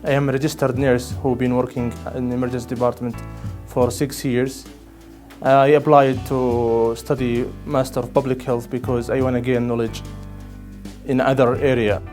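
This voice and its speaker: A man's voice: medium pitch, little pitch movement, normal speed, darkish tone, soft background music. A man who works as a registered nurse, speaking plainly and matter-of-factly in an interview. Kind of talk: interview talk.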